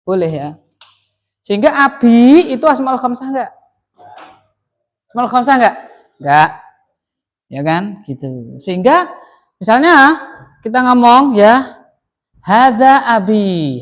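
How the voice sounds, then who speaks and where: Javanese-accented teacher quizzing a class. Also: mid-range voice. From Central Java, Indonesia. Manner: keeps quizzing the class with short repeated questions. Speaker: Arabic grammar teacher. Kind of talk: classroom lesson with question and answer.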